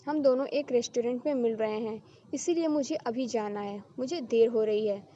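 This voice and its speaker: An earnest young man from a storybook tale, voiced by a woman reading aloud. The voice sits fairly high and sounds slightly dull. A faint hiss runs underneath. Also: normal speed, mellow, natural voice. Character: young man, a loyal groom.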